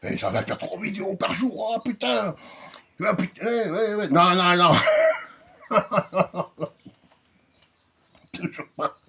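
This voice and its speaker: A man's voice: sits high, very animated, creaky, pushed and bright, slightly rough. A man on his own channel, ranting casually and mockingly as he reads out and answers viewers' comments. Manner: mocking, sarcastic, drawn-out emphatic asides.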